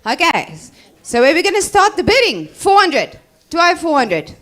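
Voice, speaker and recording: A woman's voice: very high-pitched, very animated, brisk, a bit bright. A woman working as an auctioneer, presenting lots and calling bids with repeated numbers.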